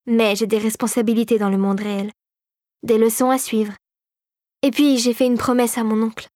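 A woman reading a storybook and voicing a kind, sensible young girl who speaks gently and reassuringly. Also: on the high side, level tone, moderate pace, no echo, studio quality, natural voice. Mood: gentle.

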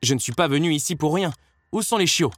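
A man reading a storybook aloud, raising his voice to play a shrill, domineering society woman. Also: animated, quick pace, a bit bright, no room sound. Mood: insistent. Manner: raised pitch, insistent, dramatic.

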